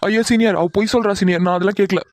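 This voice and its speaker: A man's voice: high voice, fairly even intonation, rapid-fire, over loud music, close to an everyday voice. A man voicing a young male college bully in a cartoon drama, taunting and coaxing a girl, then whining and begging when he is caught.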